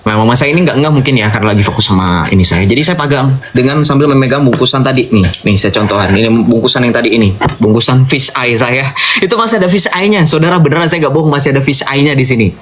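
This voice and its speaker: A man's voice: mid-range voice, expressive, fast, a bit bright. A young man, giving an emphatic personal conversion testimony. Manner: informal, emphatic, addresses listeners as brothers and sisters.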